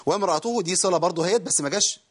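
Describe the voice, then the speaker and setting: Quick-talking Egyptian tajweed teacher. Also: male voice, sits high. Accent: Egyptian Arabic. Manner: explains rapidly, quizzes viewers, then recites words slowly and drawn out. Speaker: Quran recitation teacher. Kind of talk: TV studio lesson on tajweed. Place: TV studio.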